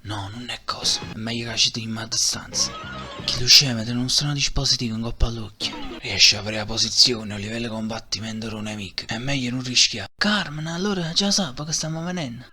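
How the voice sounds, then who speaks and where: A man acts an earnest martial-arts hero in a cartoon parody. He has a forceful, bright voice and a down-to-earth Neapolitan accent. Some music runs underneath. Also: mid-range voice, fairly quick. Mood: wary.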